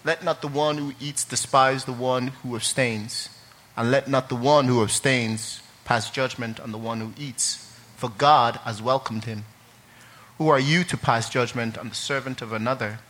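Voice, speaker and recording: A man's voice: medium pitch, fairly even intonation, normal speed, fairly bright tone. A young man from Ireland, sharing his testimony at a church service in a chatty way full of fillers and laughter, then reading scripture.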